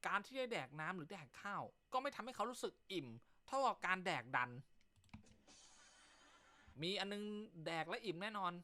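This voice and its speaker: A man's voice: sits high, expressive, moderate pace, bright, forceful tone. A male comedy host telling jokes in casual chat, teasing banter full of crude slang.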